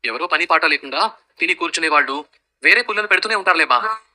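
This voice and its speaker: A man's voice: fairly high pitch, animated, fast, bright, forceful tone. An actor playing a son who teases his mother with dry wit in a TV serial. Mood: teasing. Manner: dry, teasing. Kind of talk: TV serial acting.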